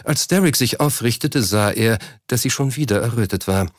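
A man reading a novel aloud as audiobook narrator, in a steady, even storytelling manner. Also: mid-range voice, moderate pace, no room sound, clean studio sound. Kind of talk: scripted narration.

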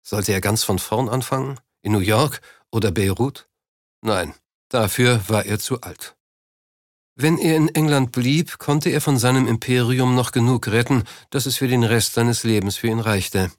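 A man's voice: medium pitch, measured pace, no room sound. Man narrating a novel, dry sound. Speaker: audiobook narrator.

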